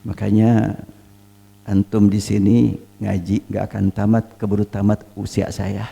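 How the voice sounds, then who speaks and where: A man, an Islamic teacher, giving a Quran study lecture, emphatic and full of rhetorical questions, reciting Arabic phrases slowly. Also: lowish voice, level tone, creaky, dark tone, husky.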